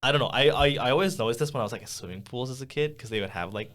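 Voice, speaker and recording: A man's voice: medium pitch, expressive, rapid-fire, a bit bright. A young man co-hosting a podcast in a small studio, rambling casually with lots of fillers and laughs. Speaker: podcast co-host. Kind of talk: casual chat. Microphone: studio condenser mic.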